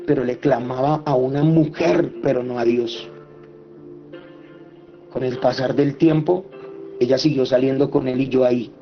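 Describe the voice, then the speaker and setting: A man's voice: fairly even intonation, unhurried, long pauses. A man telling an emotional personal testimony, speaking with passion. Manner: impassioned, voice climbing high when reliving the quarrels. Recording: slightly muffled with soft music behind.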